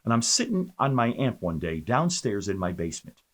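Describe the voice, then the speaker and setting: A male pastor recounts his personal testimony in a lively, storytelling manner. His pitch swings widely as he talks, and he often stumbles over fillers and restarts his sentences. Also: normal speed.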